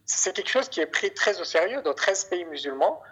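A man's voice: high voice, big pitch swings, moderate pace, fairly bright tone, slightly rough. A man from Afghanistan heard over a Skype call, giving hesitant testimony as an interview guest and often tacking on "en fait". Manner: hesitant, keeps adding "en fait". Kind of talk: testimony in a broadcast report. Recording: muffled internet call audio.

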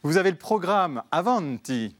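A man's voice: on the high side, sing-song, normal speed, loud music behind the voice. A man hosting a panel show, introducing guests with playful, teasing banter. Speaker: TV and radio host.

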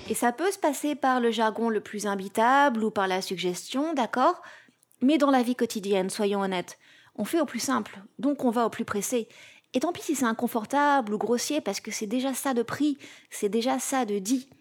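A woman's voice: on the high side, normal speed. A woman from France hosting a podcast, reading a scripted, playful commentary in punchy rhythmic lists. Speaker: podcast host. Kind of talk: scripted comic narration.

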